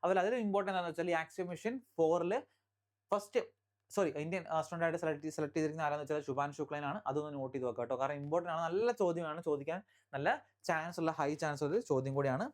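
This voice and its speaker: A teacher from Kerala giving an exam-prep current affairs lecture. The teacher repeats key facts, checks in with listeners often, and reads English headlines slowly before explaining them. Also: mid-range voice, steady tone.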